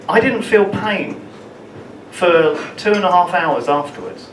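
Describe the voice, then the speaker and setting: A man telling a personal story at an open mic, halting and often repeating words as he goes. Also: sits high. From London, England. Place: small open mic venue in a room. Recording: roomy, distant, with room ambience noise.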